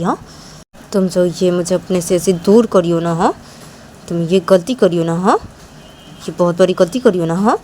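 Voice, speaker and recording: A woman's voice: fairly low pitch, warm tone, slight background noise, lightly acted. A woman voicing a hot-tempered, jealous young woman who scolds and threatens, repeating herself, in an amateur audio story. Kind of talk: amateur storytelling with voiced dialogue.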